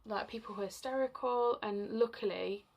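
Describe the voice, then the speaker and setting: A woman's voice: fairly high pitch, moderate pace, creaky, highs cut off. A young woman telling a personal story in a rambling, chatty way, full of fillers and at times close to tears. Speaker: vlogger.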